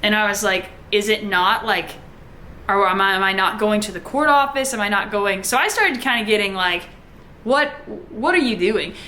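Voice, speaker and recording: A young woman talks straight to her audience in a loose, rambling storytelling style, restarting sentences and acting out both sides of a conversation. Her voice is bright and forward, sitting at an ordinary middle pitch, with a faint hum of room ambience behind her. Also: a little fast. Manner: chatty, heavy use of "like", many restarts, acts out quoted dialogue. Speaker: vlogger telling a personal story. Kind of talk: casual storytelling to camera.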